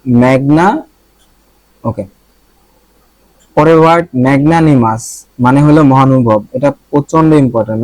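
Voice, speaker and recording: A man's voice: mid-range voice, a little mellow, dry recording, poor audio. A young man with a Bangladeshi accent teaching vocabulary in a casual lesson, thinking aloud and repeating words to check his pronunciation.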